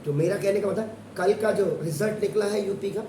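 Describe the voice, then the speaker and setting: A man's voice: high-pitched, fairly quick, dark tone, a little hiss or hum. A man teaching a maths class in India, lecturing and moralizing in a preachy way with sarcastic asides. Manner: preachy, switching between English and Hindi, sarcastic asides. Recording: echoey room, mic far off.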